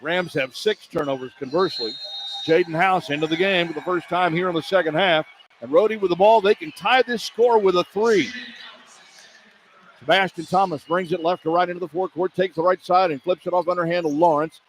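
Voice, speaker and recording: A man with a high voice calls live college basketball play-by-play for radio at a brisk clip, his clipped running descriptions turning emphatic on big plays. Arena noise and ambience sit behind the live broadcast.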